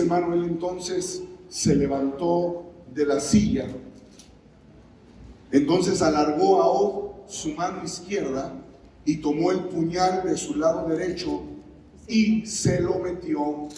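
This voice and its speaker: A man's voice: on the high side, fairly even intonation, takes it slowly, mellow, a little hiss or hum. A man preaching a sermon in a church, calling on the congregation to answer back and acting out scripture scenes. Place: church sanctuary. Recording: very echoey hall, mic far off.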